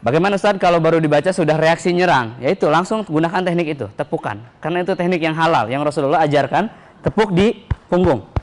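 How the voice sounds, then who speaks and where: A man's voice: a little high, fast. A man who is a religious instructor explains and demonstrates techniques to an audience, speaking to them directly. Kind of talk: training demonstration.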